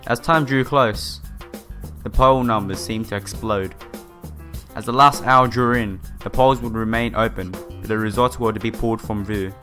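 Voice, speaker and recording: This let's-play host has a fairly low, bright voice with a forceful tone, keeping it steady at normal speed. He reads a visual novel's text aloud while game music plays, tossing in side remarks and tripping on a few words.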